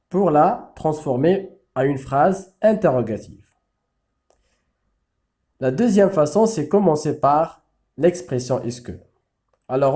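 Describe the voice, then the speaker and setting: A man with Arabic as his first language, teaching a French grammar lesson slowly and deliberately. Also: fairly high pitch, warm tone. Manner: slow, deliberate explaining with drawn-out examples.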